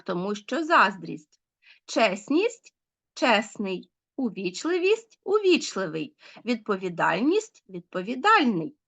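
Speaking in a mid-range, fairly bright voice with vocal fry, a woman teacher leads a recorded online language lesson for schoolchildren. She explains with patience and quizzes the children as she goes.

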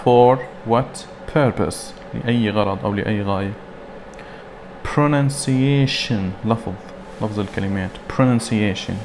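A man teaching an English lesson. He reads English words slowly and then translates them. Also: fairly low pitch, darkish tone, slight background noise. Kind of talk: recorded classroom lesson.

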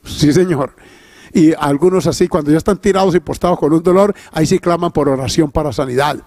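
A man preaching a sermon with a gravelly, somewhat high voice. He delivers it with emphatic force and keeps breaking in with praise. The recording is close and dry. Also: a little fast, darkish tone, dry recording. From Colombia. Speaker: pastor.

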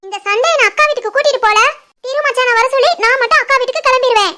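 A sulky schoolgirl in a family cartoon who begs her parents in a whiny, stubborn way. Her voice is very high and bright. She speaks with a southern Tamil Nadu accent. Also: racing. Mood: pleading. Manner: whiny pleading.

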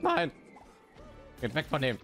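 A man playing a video game with a friend, excitable and loudly reacting to the action. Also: on the high side, slow, soft background music. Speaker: gamer playing co-op. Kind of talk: casual let's-play chat.

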